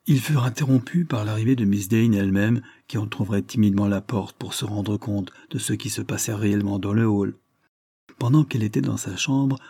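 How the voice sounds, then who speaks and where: A man reading an audiobook novel aloud in steady, even scripted narration on a close mic. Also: on the low side, gravelly, breathy edge, no echo.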